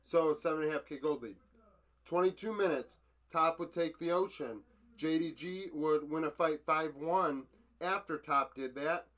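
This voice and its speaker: Man, esports recap host, fairly high voice, matter-of-fact, filler-heavy, self-correcting. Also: normal speed, a bit bright. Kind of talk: casual game recap from notes.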